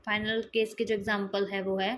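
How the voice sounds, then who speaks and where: A young woman teaching pronunciation, saying each word twice in a deliberate, even way. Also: medium pitch, a little hiss or hum. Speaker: language teacher. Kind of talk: slow, repetitive pronunciation lesson.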